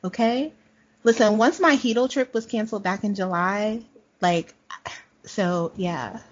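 A woman's voice: medium pitch, unhurried, lo-fi sound. A woman in her late twenties co-hosting a podcast, playful and dramatic in casual chat. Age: 20s. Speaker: podcast co-host.

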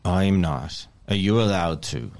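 A man with a very low voice plays a tabletop role-playing game. He banters bluntly and casually, slipping between character and table talk. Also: lively intonation, unhurried, darkish tone.

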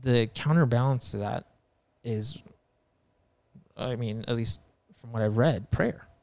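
A man's voice: mid-range voice, measured pace, vocal fry, darkish tone, dry recording. Rambling, swearing man in casual chat. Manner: rambling, profane, lots of filler words; earnest and emphatic. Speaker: podcast guest telling a paranormal story.

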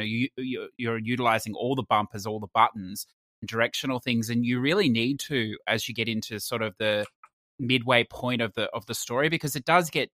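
A man's voice: mid-range voice, pushed and bright, dry recording, clean studio sound. A man co-hosting a casual gaming podcast, easygoing and hedging with "you know" and "sort of". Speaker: podcast co-host.

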